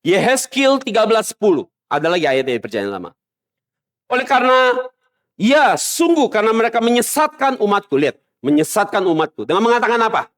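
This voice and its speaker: A man preaching a sermon as pastor, emphatic and swinging between loud stresses and low murmurs. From Indonesia. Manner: mocks other preachers in a soft mimicking voice. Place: church.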